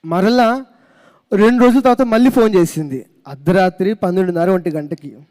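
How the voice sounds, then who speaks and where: A pastor preaching a sermon, telling a story with animation and calling out hallelujah. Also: male voice, high-pitched, fairly quick, a little mellow, long reverb tail.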